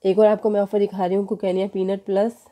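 A fast-talking woman from Pakistan, with a mid-range voice and dull audio, runs through supermarket sale prices for a casual shopping vlog. Indoors in the store, she films a poster on her phone and lists prices steadily, leaning on the filler "jo hai."

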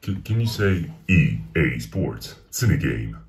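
Man with a deep pitch-shifted voice. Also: very animated, measured pace. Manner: playful, teasing, short exclamations. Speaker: YouTuber chatting with strangers online. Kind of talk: casual online video chat. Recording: faint music behind.

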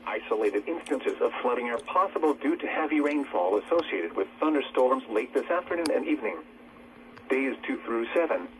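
A man's synthetic weather radio voice reads a scripted forecast in a measured, automated delivery over a radio broadcast. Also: medium pitch. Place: small cluttered room, played from a portable weather radio. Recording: noisy radio speaker picked up in a room.

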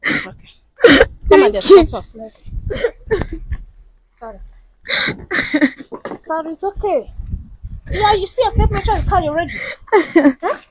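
A woman's voice: very high-pitched, poor audio. A woman acting a friend who pleads with a mother to forgive and then soothes the crying daughter. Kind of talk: skit drama acting.

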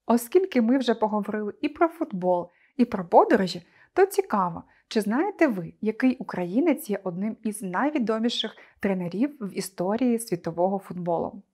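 With a mid-range, slightly mellow voice that swings widely in pitch, a female teacher presents a scripted online lesson. She addresses her pupils clearly and with deliberate care.

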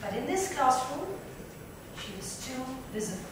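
In an indoor club lounge with a seated panel, a woman reads a novel aloud as dramatic third-person narration. Her high voice is very animated at a moderate pace, and the recording is echoey, with a distant mic and clear noise.

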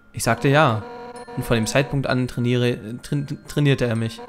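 A man's voice: medium pitch, lightly acted. A man reading the lines of a fierce, brash female fish warrior captain in a game, in boisterous bursts, with faint game music behind. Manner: boisterous, loud bursts, chuckling. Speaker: Let's Play gamer reading dialogue. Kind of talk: reading game dialogue aloud.

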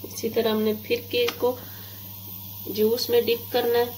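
Speaking a little slowly in a monotone, a woman narrates a home cooking tutorial from her kitchen, her voice on the high side yet darkish in tone. She has a Pakistani Urdu accent and guides viewers directly through the recipe step by step; the home recording is low quality and hissy.

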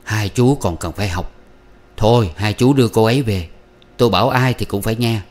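Man doing firm older brother, low commanding voice, storybook. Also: a little fast, close to an everyday voice. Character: eldest brother, firm and caring.

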